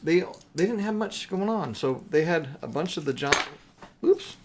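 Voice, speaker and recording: Animated and fairly high-pitched, a man talks at normal speed while showing off silver bullion he bought, chatting unscripted and rambling with mildly playful exclamations. The recording is very noisy.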